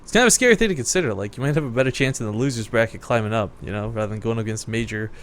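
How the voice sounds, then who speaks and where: A man's voice: lowish voice, rapid-fire, a bit bright, slight background noise. A man casting a video game match, chatty and upbeat, laughing often with his co-caster. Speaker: esports commentator. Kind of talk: casual play-by-play commentary.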